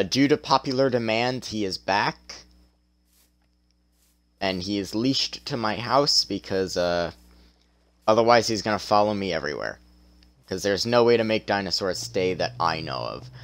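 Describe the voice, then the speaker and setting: A young man's voice, on the low side and a bit bright, carries casual gameplay commentary during a stream. He sounds tired and strained, yet stays chatty and self-deprecating while talking through his play.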